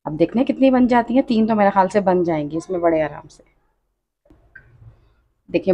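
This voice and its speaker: The speaker is a woman whose mid-range voice has a mellow quality. She hosts a cooking channel and walks viewers through a dish step by step from her home kitchen, chatting as she teaches and often using "achha" and "dekhiye".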